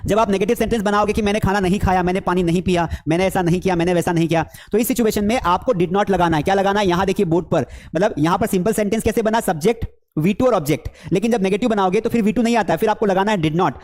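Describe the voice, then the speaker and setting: A man's voice: sits high, fast, darkish tone. A man teaching English in a live online class, with a Hindi accent, coaxing students with repeated questions.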